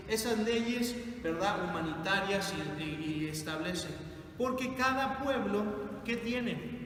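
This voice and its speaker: A man's voice: sits high, a bit bright. A man teaching a Bible class, asking his group questions and repeating their answers. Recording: echoey hall from far off, noisy.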